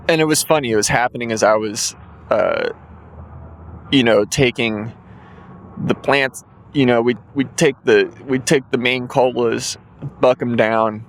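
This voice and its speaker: A medium-pitched man in his 20s delivers a casual, rambling solo podcast monologue, yawning from drowsiness and leaning heavily on fillers. A little hiss or hum is audible.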